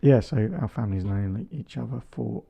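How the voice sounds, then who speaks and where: A man's voice: on the low side, moderate pace, creaky, warm tone, breathy edge. Joking man co-hosting a casual podcast. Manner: joking, teasing. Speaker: podcast co-host. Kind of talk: casual couple chat.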